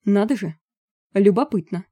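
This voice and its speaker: Reader doing blunt, dry-witted woman, loud and lifted, dry close sound. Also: mid-range voice, moderate pace, husky, no room sound, voice pushed up, close to an everyday voice. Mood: curious. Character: calm, blunt sharp-tongued woman.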